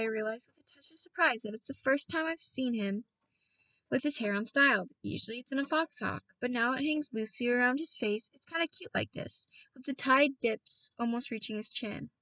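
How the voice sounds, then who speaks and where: A woman reads a novel in a chatty, playful audiobook style, her voice on the high side, pushed and bright, at a normal speed. She often pauses to speak to listeners, interrupts herself, and plays with voices. The mic is distant and the recording rough, with no room sound.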